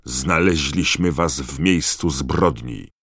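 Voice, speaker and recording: A man voicing a cold, rough-voiced, furious male official in an audiobook, barking accusations. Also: very deep voice, slow pace, a bit bright, no room sound, clean studio sound, full character voice. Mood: cold, accusing. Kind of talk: audiobook character voice.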